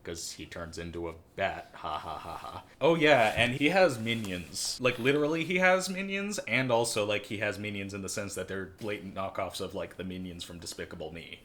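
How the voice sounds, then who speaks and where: A man's voice: fairly low pitch, expressive, moderate pace, hardly any pauses, fairly bright tone. A man co-hosting a casual movie-review podcast, rambling and sarcastic with lots of fillers. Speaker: podcast co-host.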